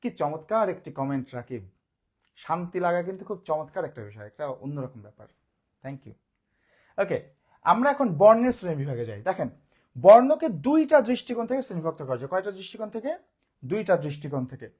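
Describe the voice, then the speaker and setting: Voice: mid-range voice, very animated, a little fast, darkish tone, slightly rough. A grammar teacher, giving a live online lesson, who often asks the class a question and answers it, repeating key points.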